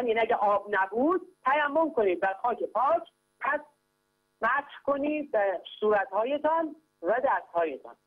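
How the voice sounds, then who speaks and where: Guy calling in to teach a religious lesson, slow careful explaining, sounds like a phone line with hum. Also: very high voice. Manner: patient, methodical, repeatedly urges listeners to pay close attention. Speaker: caller teaching Quran grammar.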